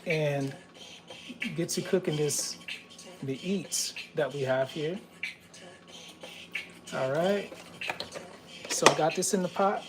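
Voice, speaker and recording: A man hosting a live stream, narrating casually and haltingly while he cooks in his home kitchen. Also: a little high, very noisy. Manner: halting, informal, thinking aloud. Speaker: host of a live cooking and health stream.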